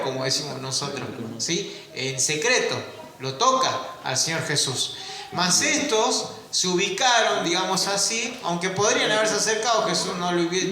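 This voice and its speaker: A man's voice: high voice, pushed and bright. A man preaching a sermon, questioning his listeners and drawing out key words. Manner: asks the congregation rhetorical questions, stretches key words. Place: church. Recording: very echoey church room.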